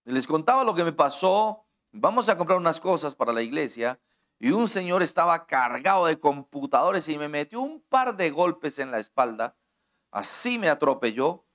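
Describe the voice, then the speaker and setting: A man's voice: on the high side, a bit bright. A middle-aged man with a Colombian accent preaching a sermon as pastor, talking straight to his listeners and explaining with everyday examples. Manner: direct, conversational preaching that addresses listeners personally; explains with everyday examples and acts out quoted dialogue.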